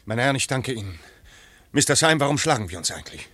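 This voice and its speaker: An actor playing a haughty, urgent aristocratic villain, a marquis, in a radio play, with a formal, imperious manner. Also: male voice, medium pitch, sing-song, fast talker, music in the background, lightly acted. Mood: impatient.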